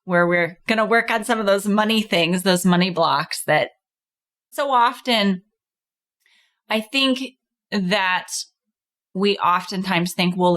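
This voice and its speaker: A woman's voice: fairly low pitch, fairly bright tone. Woman podcast host, casual coaching chat.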